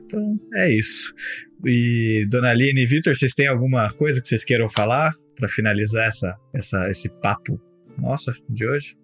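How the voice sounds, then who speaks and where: Brief: Brazilian male host, husky, mid-pitched, relaxed and slangy, over faint music. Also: normal speed. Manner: laid-back, slangy, wraps up and thanks guests. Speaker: podcast host. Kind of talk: casual chat.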